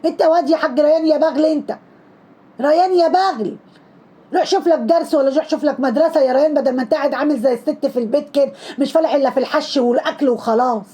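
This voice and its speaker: A woman's voice: high-pitched, racing, warm tone. A woman with an Egyptian accent, giving sarcastic commentary on trending videos, scolding and mocking with lots of repetition. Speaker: social media commentator.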